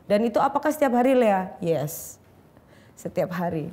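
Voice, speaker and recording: A woman's voice: mid-range voice, normal speed. A young woman, telling a personal testimony in an interview, acting out quotes as she goes. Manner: animated storytelling, acting out quotes with shifting voice. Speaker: guest sharing her testimony. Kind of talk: emotional conversational testimony.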